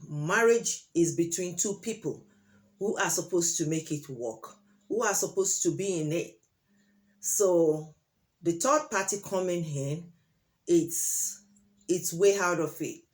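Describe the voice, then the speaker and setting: This vlogger is a Nigerian woman, a native Yoruba speaker, sharing opinions alone to camera in a lowish voice. She talks deliberately, pausing and using many fillers, and presses hard on the important points.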